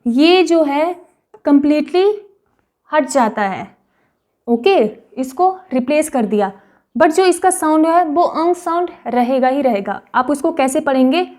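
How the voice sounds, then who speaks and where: High-pitched woman teaching Korean patiently. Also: expressive, a little mellow. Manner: patient, repeats practice words slowly, frequent "okay". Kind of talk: explanatory online lesson.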